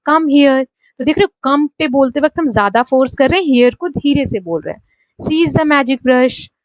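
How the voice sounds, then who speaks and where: A woman teacher with an Indian English accent talks students through a textbook lesson. Her voice sits a little high, and she reads the English lines slowly before explaining them. The sound is close and dry, with no room echo. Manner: checks in with "है ना?".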